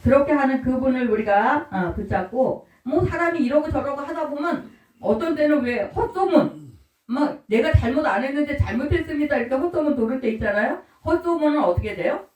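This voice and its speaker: A woman's voice: sits high, animated, normal speed, a little mellow. Woman preaching, echoey from afar. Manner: homely, quizzes the congregation, call-and-response. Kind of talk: sermon. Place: church service room. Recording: roomy echo, mic from far off.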